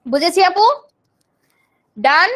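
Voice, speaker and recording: A woman's voice: extremely high pitch, expressive, slow pace, a bit bright. A young woman from Bangladesh teaching a live online grammar class, explaining terms and answering students' chat questions.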